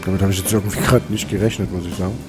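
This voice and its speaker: A man casually commenting on his gameplay, excitable and mocking, with frequent swearing. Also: deep voice, very fast. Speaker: let's play host. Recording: game music behind voice.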